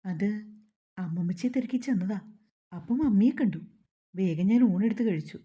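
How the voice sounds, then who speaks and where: A woman voicing a shy, gentle young woman who speaks softly and quietly. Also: mid-range voice, lively intonation, normal speed, slightly rough, dull audio.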